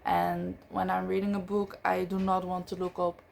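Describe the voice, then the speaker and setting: A book vlogger who speaks English as a second language chats casually about books in a fairly low, gravelly, slightly mellow voice that stays monotone at normal speed. She uses frequent fillers and corrects herself often, and there's a little hiss or hum in the audio.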